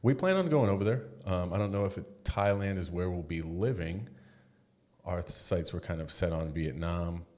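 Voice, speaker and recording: A man's voice: sits low, moderate pace, a little mellow. A man co-hosting a podcast in casual chat, laid-back and blunt, swearing now and then. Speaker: podcast co-host.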